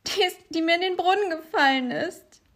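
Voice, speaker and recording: A man voicing a young princess in a fairy tale, with a shrill, whiny voice. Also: moderate pace, sharp tone.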